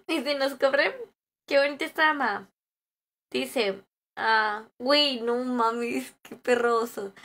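Woman streamer, young, high bright voice, unhurried, jokey with chat. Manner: joking, reads chat aloud and greets viewers. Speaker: game streamer. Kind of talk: casual live-stream chat.

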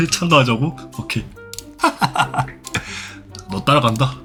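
Bright, lively young man scolding a troll. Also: medium pitch, moderate pace, faint music behind. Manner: scolding, sarcastic, swears when provoked. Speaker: Roblox streamer. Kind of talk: live gameplay commentary.

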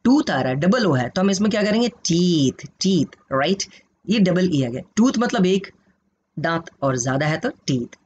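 An Indian man with an Indian accent who teaches English in an online class, mixing Hindi and English and quizzing his students. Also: on the high side. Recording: dull lo-fi sound with faint noise.

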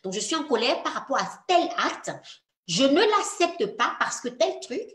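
A woman's voice: high-pitched, very animated, measured pace, fairly bright tone, roomy sound. A woman coaching mothers in a workshop, speaking earnestly and encouragingly, addressing the listener directly. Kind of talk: workshop talk.

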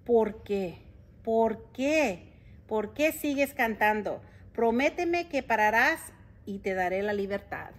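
A woman voicing a grumpy, cranky male town mayor in a storybook reading, loud, scolding and exasperated. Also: a little high, lively intonation, slow pace. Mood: pleading.

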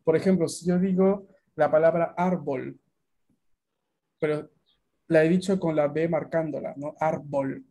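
A man's voice: fairly high pitch, steady tone, measured pace, long pauses, mellow. A Latin American man teaching a beginner language class over a video call, explaining at length and often checking that students follow.

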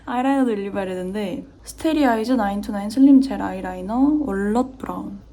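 A woman's voice: medium pitch, fast talker, dark tone. A young woman doing her makeup on camera, chatting nonstop and talking to herself, sometimes dropping to a near-whisper while she concentrates. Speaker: beauty vlogger. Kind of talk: chatty get-ready-with-me makeup vlog.

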